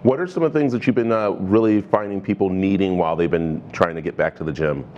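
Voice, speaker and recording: A man's voice: low voice, quick pace, darkish tone, dull audio, a little hiss or hum. A middle-aged man hosting a morning TV show, chatting eagerly and jumping in often in a studio. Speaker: TV show host. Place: TV studio set.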